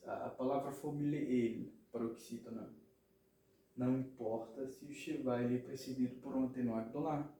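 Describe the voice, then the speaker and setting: A man's voice: medium pitch, dark tone. A man teaching grammar patiently, repeating words and often checking that listeners follow. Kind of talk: explanatory lesson. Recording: very echoey room, mic at a distance.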